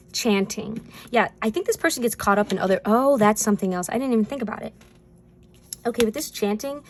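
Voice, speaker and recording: Woman, tarot reader, casual chatty reading, rambling, filler-heavy, mid pitch.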